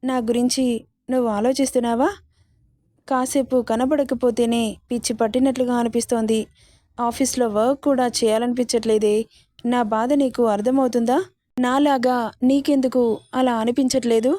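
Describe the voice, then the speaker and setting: A woman's voice: fairly high pitch, little pitch movement, normal speed, mellow, dry recording, close to an everyday voice. A woman voicing a loving young husband. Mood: tender.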